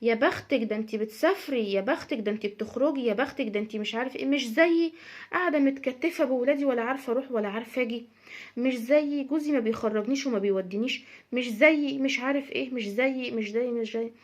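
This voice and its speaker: Quick prying Egyptian busybody, higher and whiny, as a woman puts her on. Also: lightly acted. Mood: envious whining. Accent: Egyptian Arabic. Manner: whiny, fussing, repetitive. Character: nosy gossiping woman, prying and pitying.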